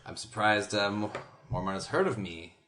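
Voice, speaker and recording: Brief: easygoing male player, animated and bright, low-pitched. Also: normal speed, a little hiss or hum. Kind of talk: tabletop role-play chat. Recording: roomy echo.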